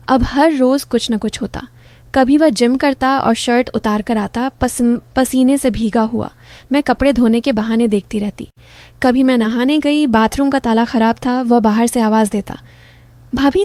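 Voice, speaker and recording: A woman reading an emotional first-person story aloud, in a soft, intimate and confessional way. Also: on the high side, fairly even intonation, measured pace, no room sound.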